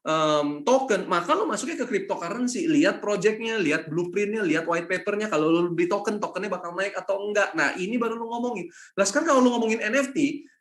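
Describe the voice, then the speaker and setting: A man's voice: high voice, animated, fast talker, fairly bright tone, roomy sound. A man giving an informal masterclass lecture in blunt, combative slang. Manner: blunt, combative slang-heavy Jakarta talk. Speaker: masterclass speaker.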